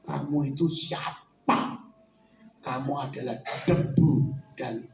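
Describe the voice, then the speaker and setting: A man voicing God as a calm, stern, fatherly divine voice, speaking slowly and in a hushed, solemn way while recounting a testimony. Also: medium pitch, gravelly, roomy sound, far from the mic, faint music behind, pitched below the performer's own voice, rough recording. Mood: solemn rebuke.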